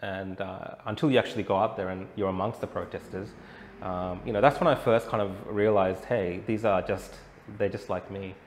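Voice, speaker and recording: An Australian man, a protest reporter, answers as an interview guest in a conversational way, often adding "you know." His voice sits low with a steady tone at normal speed, recorded with roomy echo and clear background noise.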